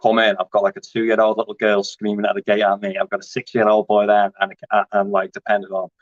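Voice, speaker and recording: This clip features a man in his 30s, a grappling competitor, chatting loosely in an interview and wandering through his answers with many fillers and false starts. He talks fast in a fairly low monotone. The audio has no echo and sounds dry and dull, like a lo-fi recording.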